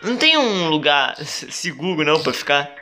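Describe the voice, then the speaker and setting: A man with a Brazilian accent doing gameplay commentary, exclaiming, swearing and pleading at the game, with sudden high yelps. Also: big pitch swings, moderate pace, music in the background. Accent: Brazilian Portuguese. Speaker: gaming video creator.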